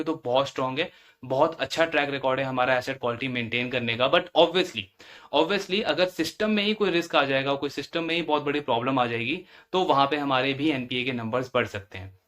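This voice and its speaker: A man with a fairly high, quick voice and a somewhat bright tone speaks as a financial analyst on an earnings call. He explains things step by step and repeats phrases for emphasis.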